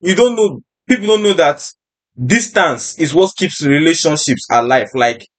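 A man's voice: on the high side, animated, moderate pace. A young adult man with a Nigerian accent hosting a casual podcast chat in an informal, slangy way. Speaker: podcast host.

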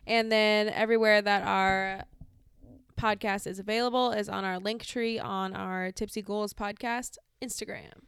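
A woman's voice: medium pitch, fairly even intonation, a little slow, gravelly, a bit bright, smooth, no room sound, studio quality. A woman co-hosting a casual podcast, upbeat and matter-of-fact as she reads the show's outro. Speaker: podcast co-host.

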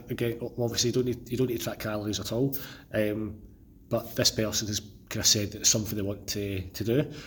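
A Scottish man who is under the weather, talking casually and haltingly as a solo podcast host, often repeating words as he goes. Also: fairly low pitch, a little hiss or hum. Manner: halting, stammering repetitions. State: feeling unwell, under the weather. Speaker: podcast host and personal trainer.

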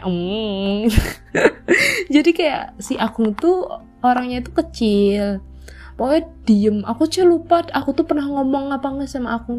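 A woman's voice: fairly high pitch, darkish tone. A young woman hosting a podcast, telling childhood stories in a chatty, filler-heavy way and acting out old quotes. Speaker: podcast host. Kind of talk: casual storytelling chat.

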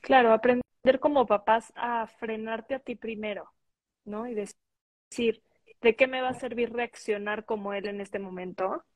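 A woman's voice: a little high, fairly even intonation, a little slow. A woman host agreeing with her guest and adding short follow-up thoughts in an interview. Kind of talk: interview conversation.

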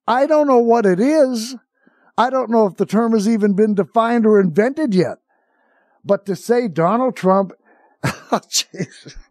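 A male talk radio host with a high-set but mellow voice. He rants with comic exasperation and disbelief, wandering into asides and rhetorical questions. The sound is dry, with no room echo. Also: normal speed. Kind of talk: political talk radio monologue, off the cuff.

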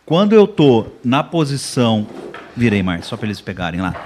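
A man's voice: medium pitch, moderate pace, slight background noise. A man hosting a live panel, demonstrating postures and talking straight to viewers. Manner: energetic, demonstrates with gestures, addresses viewers. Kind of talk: casual live panel talk.

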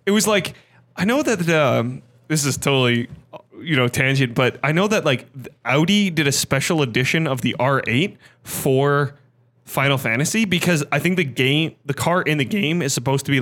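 A man's voice: mid-range voice, animated, a bit bright. A man co-hosting a casual gaming podcast, jumping in with playful quips. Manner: quick interjections, playful banter. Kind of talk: casual chat.

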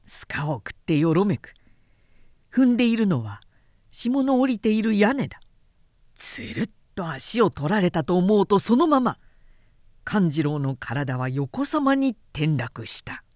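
Reading literary fiction in a dramatic audiobook style, a woman serving as narrator and announcer tells the story in a measured, expressive manner. Her voice is medium in pitch, recorded at studio quality without any room sound.

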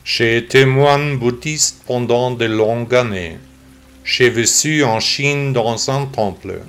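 A male computer-generated voice reading a scripted podcast introduction as host, in the measured manner of an old speech synthesizer. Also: mid-range voice, fairly bright tone, soft background music.

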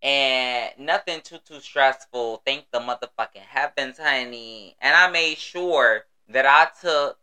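A man with an American accent and a bright, crisp voice, chatting solo as a podcast host. He is sassy and exuberant, leaning hard on emphatic phrases and swearing freely in loose slang. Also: medium pitch, unhurried, few pauses. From United States. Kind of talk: casual solo podcast chat.

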